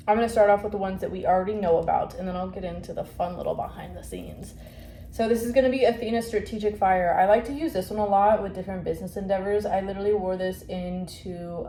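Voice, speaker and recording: Chatty woman vlogger, mellow voice, roomy echo and faint hum behind her. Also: mid-range voice. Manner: chatty, rambling, many fillers and self-corrections. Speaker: shop owner vlogger. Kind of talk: casual vlog chat. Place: indoors at home, upstairs. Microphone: phone or camera mic. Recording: echoey room, faint background noise.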